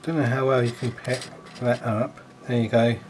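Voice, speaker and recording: A man's voice: mid-range voice, little pitch movement, moderate pace, noisy background. A man casually commentating on his model railway as a hobbyist reviewer. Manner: playfully spooky, exclaiming in mock surprise at times.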